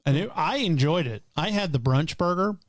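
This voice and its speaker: A man's voice: fairly high pitch, expressive, moderate pace, no echo, studio quality. A man co-hosting a podcast, chatting in an easygoing, rambling way that trails off and restarts. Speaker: podcast co-host. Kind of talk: casual chat.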